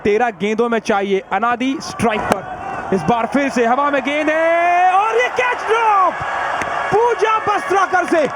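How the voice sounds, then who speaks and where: A man giving excited, animated live cricket commentary. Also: very high voice, moderate pace. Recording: loud stadium crowd and noise. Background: crowd, outdoor noise.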